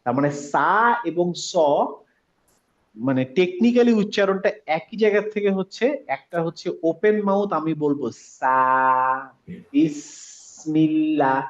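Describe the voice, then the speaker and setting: A man teaching a pronunciation class over a video call, patiently repeating sounds slowly to demonstrate. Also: high voice, animated, muffled recording. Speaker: Quran recitation teacher.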